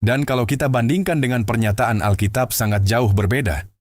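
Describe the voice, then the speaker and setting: A man hosting and narrating scripted commentary in a steady, explanatory way. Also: mid-range voice, a little fast, dry recording, studio quality. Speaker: host.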